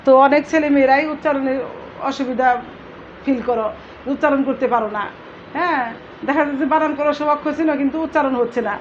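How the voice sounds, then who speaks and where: A woman's voice: high voice, steady tone, fast talker, long pauses. A woman teaching an English pronunciation lesson, spelling out syllables letter by letter in a repetitive drill. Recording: dull lo-fi sound with faint noise.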